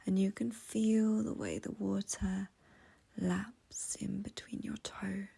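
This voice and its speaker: In a soft, breathy whisper, a woman guides a meditation with gentle, soothing calm and long pauses. Her voice is mid-range and her delivery flat.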